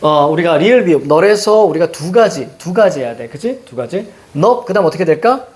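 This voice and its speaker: A man teaching a Korean grammar lesson, peppering his explanation with quick questions to the class. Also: a little high. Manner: lively, rhetorical questions to students, frequent "자".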